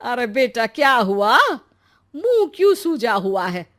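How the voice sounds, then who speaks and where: A woman's voice: fairly high pitch, very animated, a little slow. A woman voicing a caring, fussing mother-in-law in a cartoon.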